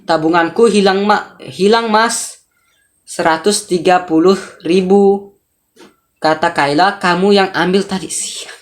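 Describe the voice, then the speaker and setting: A woman's voice: fairly low pitch, steady tone, a little slow, close to an everyday voice. A woman voicing a young wife who pleads with her husband in a raised, tearful voice, reading her lines over a life-sim game. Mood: worried.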